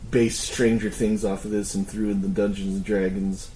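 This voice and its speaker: A man's voice: lowish voice, normal speed, slight background noise, poor audio. A man co-hosting a podcast, chatting casually, chiming in with agreements and questions. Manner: relaxed, chimes in with short agreements and questions. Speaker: podcast co-host. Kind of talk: casual conversation.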